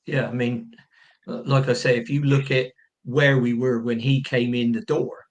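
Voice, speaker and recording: A man's voice: medium pitch, little pitch movement, moderate pace. A man chatting about football on a podcast, rambling and breaking into impressions. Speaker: pundit. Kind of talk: casual football podcast chat.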